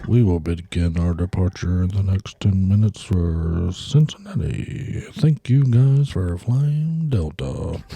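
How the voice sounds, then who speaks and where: Guy doing a slow drawn-out pilot over the intercom, dry close sound. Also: low voice, lively intonation, vocal fry, warm tone, slightly rough, no room sound, voice pushed down, heavily acted. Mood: formal. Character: male airline pilot announcing a departure. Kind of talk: casual chat.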